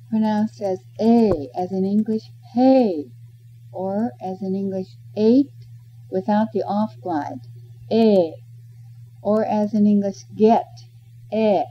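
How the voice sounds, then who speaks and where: A woman teacher giving clear, measured explanations of vowel sounds in a language lesson. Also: mid-range voice, fairly even intonation. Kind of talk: instructional narration. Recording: dull lo-fi recording with faint noise.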